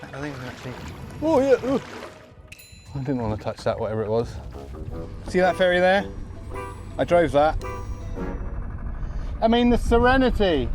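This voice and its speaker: Male Australian travel host, fairly high register, dry jokey delivery, over prominent music. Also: sing-song, moderate pace, long pauses. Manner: wry, jokey, understated. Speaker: travel show presenter. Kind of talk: travel vlog narration and casual on-camera chat.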